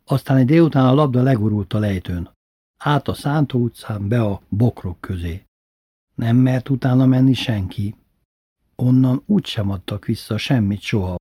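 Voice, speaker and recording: A man's voice: medium pitch, warm tone, husky, no room sound. A man recounting a childhood memory in a dry, wry, matter-of-fact storytelling manner. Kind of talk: recited childhood memoir.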